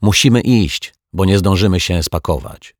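A man's voice: low-pitched, animated, normal speed, no echo, studio quality. A man voicing a schoolboy who is impatient with his sister, in an audiobook reading. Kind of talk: audiobook character voice.

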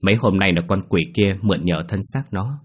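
A man voicing a grave older exorcist who gives solemn, ominous warnings in a low, husky voice. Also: fairly quick.

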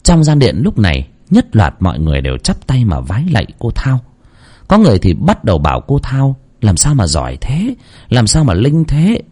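A man narrating a horror story with dramatic, expressive delivery. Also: mid-range voice, moderate pace, husky.

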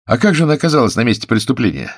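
A man voicing a brisk young male police detective who questions in a pressing, ironic way. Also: mid-range voice, sing-song, slightly rough, dry recording, clean studio sound, pitched above the performer's own voice.

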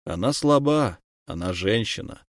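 A man doing a low quiet judge. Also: animated, measured pace, dry recording, studio quality. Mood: measured. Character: stern weary male judge.

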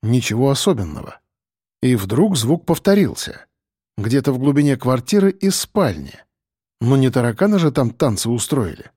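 A man narrating an audiobook in a steady, even storytelling voice. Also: mid-range voice, normal speed, slightly rough, no room sound, studio quality.

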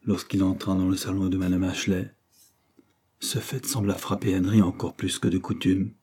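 Male novel narrator, husky, low and mellow, measured delivery. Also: flat delivery. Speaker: audiobook narrator. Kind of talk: scripted literary narration.

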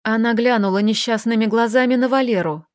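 A woman narrating an audiobook in a measured, expressive reading. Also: on the high side, dry recording, clean studio sound.

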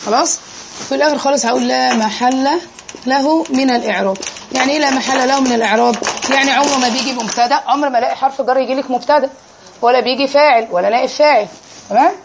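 A woman's voice: sits high, rapid-fire, gravelly, noisy background. A woman with an Egyptian accent teaching an Arabic grammar lesson in a classroom, quizzing her students and drilling them on each answer.

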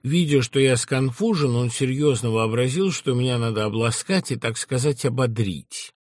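A man giving an expressive reading of classic literature. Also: medium pitch, moderate pace, dry recording, clean studio sound. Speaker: reader.

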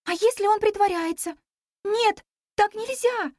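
A woman voicing a bold, quick-witted young girl heroine in a storybook reading, with a high, bossy, lively voice. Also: no room sound, clean studio sound.

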